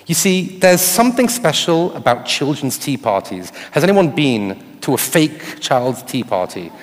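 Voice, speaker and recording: A man's voice: mid-range voice, big pitch swings, unhurried. A man giving a live conference talk on stage, often putting questions to his audience. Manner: addresses the audience with rhetorical questions. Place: on stage in a large hall before an audience. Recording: reverberant hall with audience sound.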